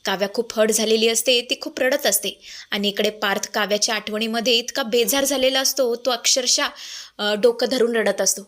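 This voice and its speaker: A woman's voice: on the high side, fairly even intonation, moderate pace, a bit bright. A woman casually retelling a TV serial episode to her viewers in a chatty way. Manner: chatty, addresses viewers directly. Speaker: TV serial reviewer.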